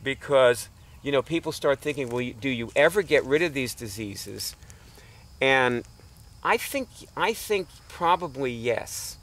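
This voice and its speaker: Middle-aged male teacher, casual rambling storyteller, mid-pitched, lots of "you know" and chuckles. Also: lively intonation, a little slow, fairly bright tone. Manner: rambling, chuckling, with many fillers and restarts. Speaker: nonprofit founder teaching alternative healing.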